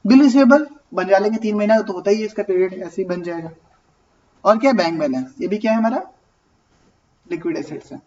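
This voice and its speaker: A man's voice: high-pitched, a little mellow, lo-fi sound. A man teaching an accounting class, talking casually and asking and answering his own questions. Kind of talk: classroom lecture.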